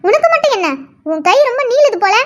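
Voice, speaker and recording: A woman voicing a feisty, defiant schoolgirl in a cartoon, giving sharp, indignant retorts. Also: extremely high pitch, big pitch swings, fast. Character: feisty defiant schoolgirl, quick to fight back. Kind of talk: cartoon voice acting. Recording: dull lo-fi audio.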